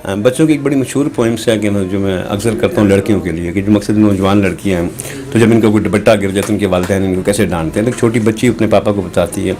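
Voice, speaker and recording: Male voice mimic, lowish voice, earnest and rambling interview answers. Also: warm tone. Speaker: voice mimic guest.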